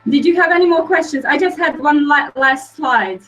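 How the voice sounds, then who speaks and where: Young woman, webinar guest, halting delivery, fairly high voice. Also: fairly bright tone, faint music behind, low-quality recording. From Croatia. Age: young adult. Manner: hesitant, filler-heavy, many restarts. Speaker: guest speaker. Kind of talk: webinar presentation.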